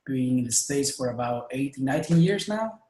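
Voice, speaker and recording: A man's voice: medium pitch, lively intonation, brisk, a little mellow. A man in his thirties from Honduras with a Honduran Spanish accent, a native Spanish speaker, talking as a guest in a friendly, hesitant way. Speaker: guest, music school director. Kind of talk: casual interview. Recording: echoey room.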